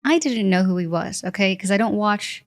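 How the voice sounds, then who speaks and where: A woman hosting an interview, chatty and quick to laugh in casual conversation. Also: medium pitch, animated. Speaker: podcast host.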